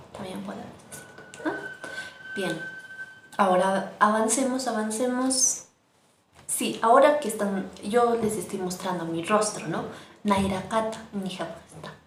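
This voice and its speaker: Slow, patient woman teaching Aymara words. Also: medium pitch. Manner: slow and patient, repeats words for learners to echo. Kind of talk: online language lesson. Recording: echoey room with faint noise.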